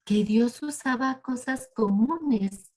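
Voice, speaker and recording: A woman's voice: on the high side, takes it slowly, a little mellow. A woman telling a Bible story to children, animatedly addressing them directly.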